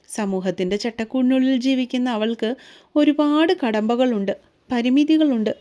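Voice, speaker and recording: A woman narrates a romance novel in a slow, emotive and soothing way. Her voice is warm and mellow rather than bright, and it sits a little high. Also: dull audio. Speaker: storyteller.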